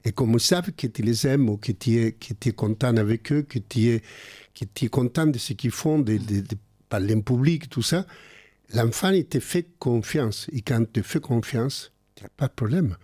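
Speaking French with a strong non-native accent, an older man chats earnestly and repeats words while hunting for the right phrasing. His medium-pitched voice is a bit mellow with a breathy edge, at moderate pace, recorded clean in a studio with no echo.

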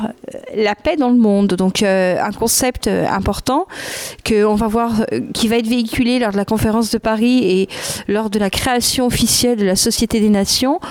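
A woman's voice: a little high, darkish tone, dry recording. Wordy woman moderating a talk. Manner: elaborate and wordy, with many fillers. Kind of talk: formal commentary.

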